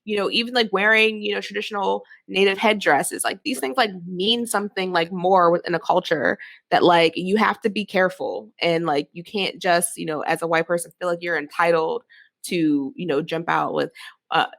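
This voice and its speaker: Low-voiced woman, frank and rambling. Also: moderate pace, creaky, dry recording. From Philadelphia. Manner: rambling, many "like" fillers, frank. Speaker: podcast co-host. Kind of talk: casual discussion.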